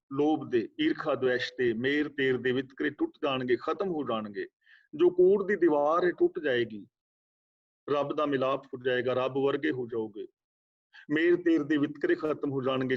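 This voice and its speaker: A man's voice: fairly high pitch, creaky. A man giving a religious scripture class, explaining words one by one and asking the class questions, heard over an online meeting. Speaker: Sikh scripture teacher. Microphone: video call. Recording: dull lo-fi online meeting audio.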